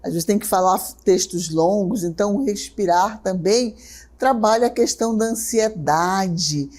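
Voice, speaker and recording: A woman teacher with a Brazilian Portuguese accent, giving a televised lesson, talking quickly and checking in often with her students. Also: medium pitch, a little mellow. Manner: talks fast, checks in often with "certo?" and "né?"; slows right down to guide a breathing exercise.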